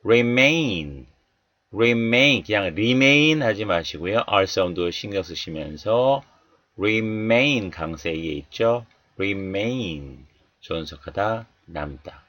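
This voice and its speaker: A man teaching English Bible verses and pronunciation, saying each word slowly and more than once before explaining it. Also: low-pitched, animated, a bit bright, no room sound. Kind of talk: slow, deliberate pronunciation lesson.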